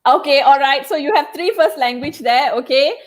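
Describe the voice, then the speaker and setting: Her voice sits high and moves at a normal speed. Leading a live online chat as a communication trainer, this woman, whose first language is Tamil, teaches tips and keeps asking "all right?" and "okay?"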